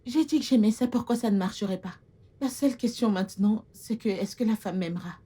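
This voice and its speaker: A woman's voice: medium pitch, brisk, mellow, husky, natural voice. A woman dubbing a film role: an eager, grateful young village girl hired as a housemaid, deferential to her employer. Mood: cheerful. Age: young adult. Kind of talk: dubbed film acting.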